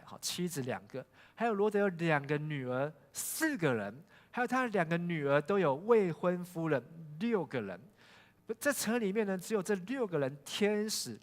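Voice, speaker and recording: Pastor guy, kinda high voice, telling a story to the church, big echoey hall. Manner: storytelling, asks the congregation questions, frequent "hao" fillers. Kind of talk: sermon. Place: church sanctuary. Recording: long church hall reverb.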